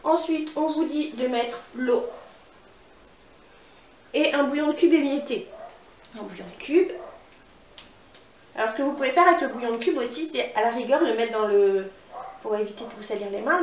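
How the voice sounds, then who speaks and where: A woman's voice: fairly high pitch, brisk, darkish tone, echoey room. Upbeat woman, northern french accent, cooking demo, far from the mic, little background hiss. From northern France. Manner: chatty, upbeat, addresses viewers directly. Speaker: cooking demonstrator.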